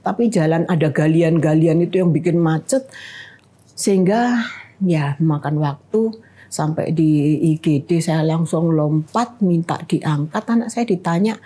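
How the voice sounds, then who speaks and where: A woman in her fifties with a husky, dark voice, a little low-pitched for a woman. She tells a painful family story in halting phrases, stopping and restarting as the memories come. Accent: Indonesian. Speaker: guest. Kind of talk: emotional personal testimony.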